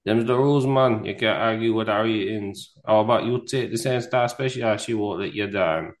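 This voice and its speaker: A man's voice: fairly low pitch, moderate pace, close to an everyday voice. A man voicing a folksy, pushy spaceship salesman with homespun sales patter in an amateur script reading. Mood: dismissive, pushy.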